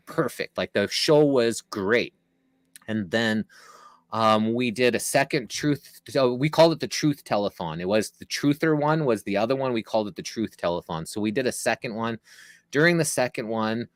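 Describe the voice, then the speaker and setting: A man's voice: medium pitch, no room sound. Rambling male interview guest, dry sound. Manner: rambling, with many fillers and restarts. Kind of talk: casual storytelling.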